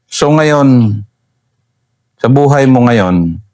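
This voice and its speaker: A man's voice: mid-range voice, expressive, very slow, a little mellow. This is a man interviewing a soldier about her service. He nudges the story along with short questions and frequent murmured "hmm"s. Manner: prompting, brief murmured acknowledgments. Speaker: retired army colonel hosting interviews.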